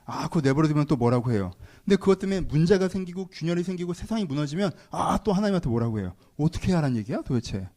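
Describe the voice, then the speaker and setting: A male pastor preaching a sermon, firing rhetorical questions at his congregation and swinging between loud exhortation and quiet asides. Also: a little high, lively intonation, very fast, few pauses.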